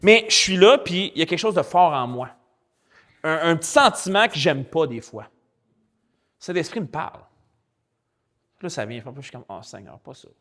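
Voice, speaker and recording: A man with a Québécois French accent, a pastor preaching a sermon in a lively, colloquial storytelling way. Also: on the high side, moderate pace, long pauses. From Quebec. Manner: animated, colloquial and chatty, with spoken English slang.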